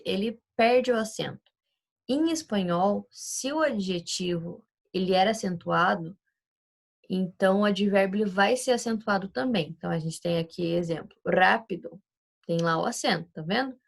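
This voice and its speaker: Creaky-voiced woman teaching a class. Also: mid-range voice. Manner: explains patiently, checks understanding with tag questions. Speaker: Spanish teacher. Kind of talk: recorded class lesson.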